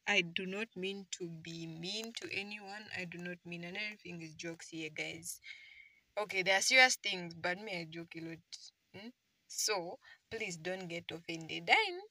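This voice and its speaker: A woman's voice: mid-range voice, sharp tone, no room sound. A young woman hosting her own podcast in a casual, jokey chat, recorded on a phone and often dropping to a whisper. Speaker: podcast host.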